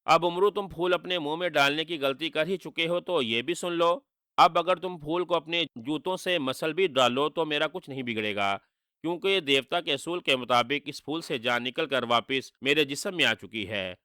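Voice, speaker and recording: A man's voice: fairly high pitch, normal speed, bright, forceful tone, clean tone, dry recording, studio quality. A man doing a gloating sorcerer villain. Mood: gloating, mocking. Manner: gloating, taunting with read-out laughter. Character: boastful male sorcerer villain, mocking and cruel.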